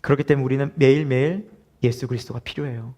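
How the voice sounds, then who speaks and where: A male pastor preaching a sermon to his congregation. He talks in an animated way, moves from loud laughing asides to hushed earnest lines, and acts out inner voices and short quoted lines. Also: mid-range voice, fast.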